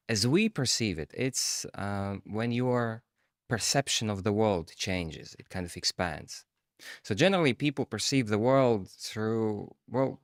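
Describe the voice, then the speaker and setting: A low-voiced man talks through a podcast in a reflective, searching way. He often stops on fillers and restarts his thoughts. The recording is close and dry. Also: fairly bright tone, clear, resonant tone, dry recording. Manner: reflective, hesitant, with many fillers. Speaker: podcast co-host. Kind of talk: casual podcast chat.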